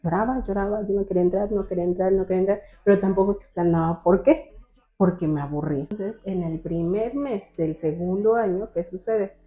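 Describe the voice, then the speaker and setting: Animated young woman over a phone line. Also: medium pitch, fairly quick. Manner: animated, acts out quoted voices of teachers and family. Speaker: guest. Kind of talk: personal storytelling in an interview.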